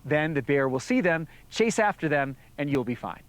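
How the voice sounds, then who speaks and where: A man explaining bear safety from his own experience in a relaxed, explanatory way, now and then acting out short quoted lines. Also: a little high, normal speed. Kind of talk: informative explanation.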